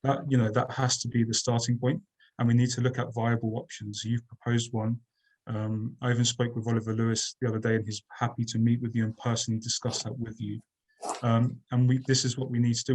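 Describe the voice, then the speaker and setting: A man's voice: medium pitch, darkish tone, rough recording. A man from Croydon, answering as a candidate in a local debate in an earnest way. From Croydon, England. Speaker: council candidate.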